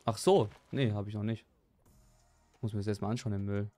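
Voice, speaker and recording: A young man chatting live while he plays a game, excitable, repeating his exclamations and joking at his own expense. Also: fairly low pitch, a little fast, no echo, soft background music. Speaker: gaming streamer. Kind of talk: live gameplay stream chat.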